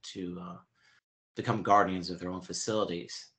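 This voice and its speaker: Guest, man in his fifties, very deep voice, halting explainer. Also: level tone, fairly bright tone. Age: 50s. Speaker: interview guest. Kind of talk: conversational interview answers.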